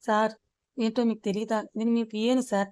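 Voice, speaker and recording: A spirited young female secretary in a storybook, polite but quick to take offence, voiced by a woman narrator. The delivery is smooth and level, and the recording is dry. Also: on the high side, little pitch movement, a little mellow, no echo, close to an everyday voice.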